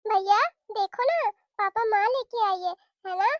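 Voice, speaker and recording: A woman's voice: very high-pitched, a little slow, dry recording. A woman voicing a sad, eager little girl who has lost her mother, in a cartoon. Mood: excited. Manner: pleading, tearful.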